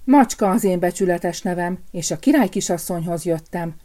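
A woman's voice: fairly low pitch, dark tone, lightly acted. A woman voicing a cheeky young prince who is in disguise.

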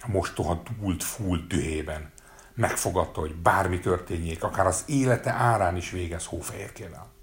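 A man narrating a fairy tale in a measured storytelling manner. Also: deep voice.

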